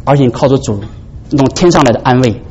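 A man preaching a sermon in an animated way, often asking his listeners "right?". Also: mid-range voice, quick pace. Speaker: pastor. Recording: dull lo-fi recording with faint background noise.

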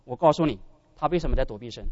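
A man preaching a sermon as pastor, animated and often addressing his brothers and sisters. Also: mid-range voice, very fast, lo-fi sound.

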